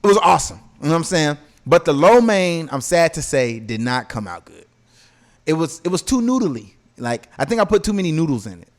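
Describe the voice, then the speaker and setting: Fairly high-pitched, very animated and brisk, a male podcast host tells stories full of slang and profanity. He keeps checking in with "you know what I'm saying" to see that his audience follows.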